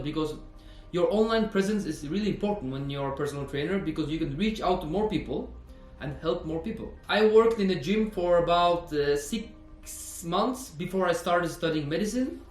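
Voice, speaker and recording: Brief: man, 20s, personal trainer vlogging; earnest, repetitive, high voice over faint background music. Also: roomy sound. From Norway. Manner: earnest, repeats himself, frequent "you know". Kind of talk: earnest fitness vlog monologue.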